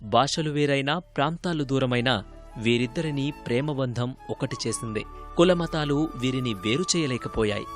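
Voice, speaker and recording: A man's voice: medium pitch, faint music behind. Man reading a news feature voice-over. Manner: measured and formal. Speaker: news reporter. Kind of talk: scripted news narration.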